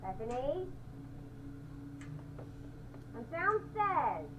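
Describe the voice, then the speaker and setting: A woman playing a gentle young mother protecting her little daughter, speaking softly and soothingly, often in a hushed whisper. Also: high-pitched, sing-song, slow pace, highs cut off, background noise, exaggerated voice. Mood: calling sweetly.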